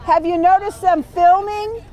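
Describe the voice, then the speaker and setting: A woman's voice: very high voice, steady tone, unhurried, dark tone, lo-fi sound. A woman leading a community training, reading a guide aloud to a group in a projecting teacher voice and checking in with them.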